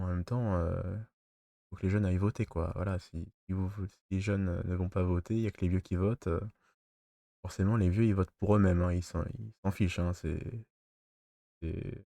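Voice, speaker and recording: A man with a congested, stuffy nose talking through a face mask, alternating between reading news and casual, halting commentary. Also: sits low, creaky, mellow, no echo. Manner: hesitant, halting when off script. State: sick with a blocked nose. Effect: speaking through a face mask.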